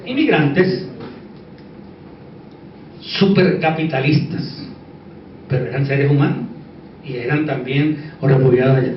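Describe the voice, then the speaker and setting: A man's voice: mid-range voice, slow pace, long pauses. A man with a Puerto Rican Caribbean Spanish accent giving an informal conference talk, conversational, repeating words for emphasis and checking that listeners agree. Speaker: conference speaker. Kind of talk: informal conference lecture with asides. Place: echoey indoor conference room. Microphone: distant microphone. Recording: echoey room, distant dull mic, faint noise.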